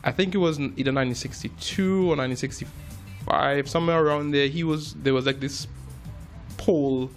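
With faint music behind him, this Trinidadian jazz musician and filmmaker in his thirties speaks at normal speed in a voice on the high side. He's an interview guest, telling stories casually and loosely, often restarting and using fillers.

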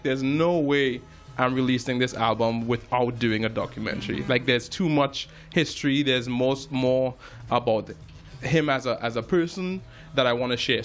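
A young man from Trinidad and Tobago, a jazz musician, talking as a guest in an interview in a friendly way, with many restarts. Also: medium pitch.

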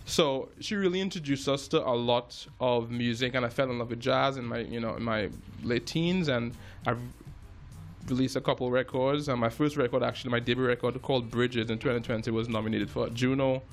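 A man's voice: mid-range voice, brisk, faint music behind. A man, a jazz musician talking casually as an interview guest, often restarting and repeating words. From Trinidad and Tobago.

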